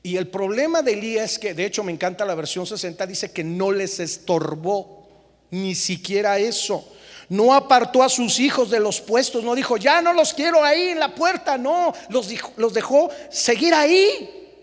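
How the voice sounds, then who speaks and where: Pastor guy giving an animated sermon, high voice, doing little voices for the parents and kids. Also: long reverb tail. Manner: lively preaching, acting out parents and children in quick voices. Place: church.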